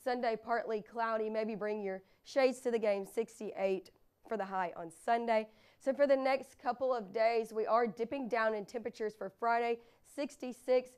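A woman's voice: a little high, fairly even intonation, normal speed, a little mellow, smooth. A young American woman presenting an ad-libbed television weather forecast in a studio. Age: young adult. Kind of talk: semi-scripted TV weather forecast, ad-libbed over maps. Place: indoor TV studio with green screen.

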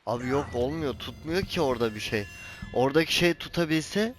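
A man's voice: medium pitch, expressive, fairly quick, faint music behind. A man commenting on his own gameplay in a casual let's-play, scolding the character he controls and cursing when jumps fail. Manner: exasperated, scolds the game character and swears at the camera. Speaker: gaming channel host.

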